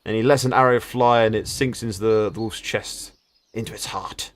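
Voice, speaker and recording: A man's voice: on the low side, fairly even intonation, normal speed. A man narrating a tabletop game as game master, stammering through restarts and chuckling at the table.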